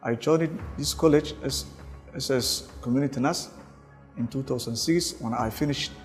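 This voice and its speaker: A man's voice: medium pitch, normal speed, in a large hall, faint music behind. A man who graduated from the nursing college speaks reflectively about his own path in a documentary interview.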